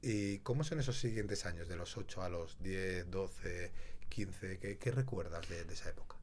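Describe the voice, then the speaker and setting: A man's voice: low-pitched, normal speed, darkish tone. A man hosting an interview, asking long questions with hesitant fillers. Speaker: host. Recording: faint background noise.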